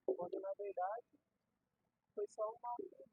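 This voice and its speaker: In this dull lo-fi clip, a young man with a Brazilian Portuguese accent explains things casually with slang and everyday examples. His very high, creaky voice has a sing-song quality and a moderate pace, with no room sound.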